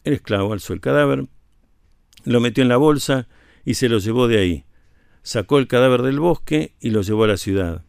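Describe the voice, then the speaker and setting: Gravelly storyteller. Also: male voice, medium pitch, expressive, fairly quick, a little mellow, no room sound, clean studio sound. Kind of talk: folk tale narration.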